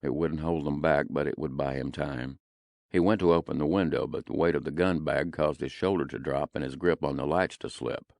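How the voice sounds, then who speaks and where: A man narrating an audiobook in a gritty, deadpan way, recorded close in a studio. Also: extremely low pitch, fairly quick, gravelly, dry recording.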